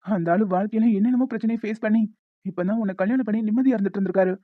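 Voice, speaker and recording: A caring friend in a cartoon, voiced by a woman who gently lectures and coaxes. The audio is thin and tinny like a phone line, and very dry. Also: mid-range voice, racing, dry recording, lightly acted. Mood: coaxing. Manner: coaxing, advising.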